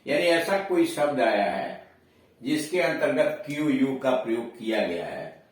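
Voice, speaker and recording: A man teaches a grammar lesson slowly, with a pitch that climbs and falls a great deal. He repeats each rule and spells words out letter by letter. His voice sounds far from the mic in a very echoey room. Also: sing-song. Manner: checks understanding with quick questions. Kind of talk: classroom lesson.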